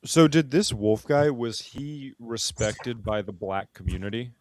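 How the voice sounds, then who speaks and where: A man's voice: mid-range voice, measured pace, a little mellow, no echo. A man in a casual group chat, talking bluntly and with slang.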